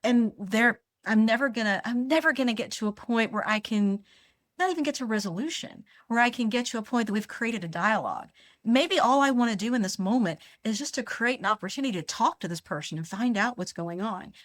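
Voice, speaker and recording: A woman's voice: fairly high pitch, expressive, fairly quick. Middle-aged lady doctor on a podcast, talks it through, acts out little back-and-forths. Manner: explains with acted-out example dialogues. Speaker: physician and conflict analyst guest. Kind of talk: conversational podcast interview.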